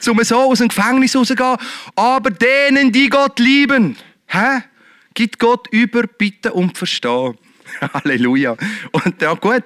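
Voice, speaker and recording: A man preaching a lively sermon, shifting between loud exhortation and quiet, earnest talk. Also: extremely high pitch, dry recording. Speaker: pastor.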